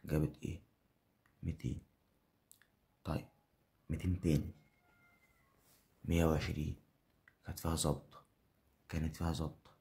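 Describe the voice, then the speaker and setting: A young Egyptian man talks over his betting game in a low, dark, gravelly voice. He keeps repeating himself, egging the game on, and now and then his voice jumps up in loud excited bursts. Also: moderate pace, pauses often. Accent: Egyptian Arabic. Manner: hyped, repetitive commentary with sudden excited bursts. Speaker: betting channel host. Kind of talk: gambling live commentary.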